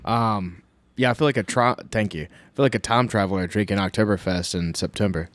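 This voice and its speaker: A man's voice: lowish voice, fairly quick, no echo. A man co-hosting a podcast in casual, joking chat, with profane, teasing banter. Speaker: podcast co-host.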